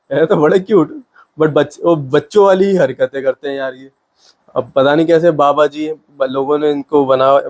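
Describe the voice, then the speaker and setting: A man's voice: a little high, darkish tone. A young man giving comic reaction commentary in a casual, amused, disbelieving way, often laughing. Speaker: reaction video host.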